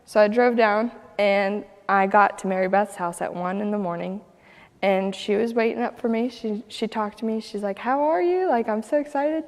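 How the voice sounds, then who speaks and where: A young woman from Ohio tells her story in a relaxed, chatty way, breaking into laughs and acting out other people's lines. Her voice sits at an ordinary middle pitch. A long reverb hangs around her words. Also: moderate pace. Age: young adult. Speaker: guest telling her story. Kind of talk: casual personal storytelling.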